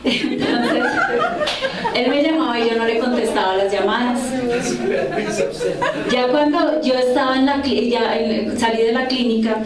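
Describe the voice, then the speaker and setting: A woman speaking earnestly to a church group, sharing a personal testimony with pauses and restarts. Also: fairly high pitch, background noise. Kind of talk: religious talk with personal testimony. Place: church group meeting room. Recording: echoey room, mic far off.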